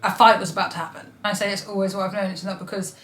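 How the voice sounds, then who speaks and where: Young woman, animated and giggly, bright lively voice, echoey room. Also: mid-range voice, racing, faint music behind. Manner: animated, giggly, candid storytelling. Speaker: vlogger in a couple Q&A. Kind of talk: casual chat.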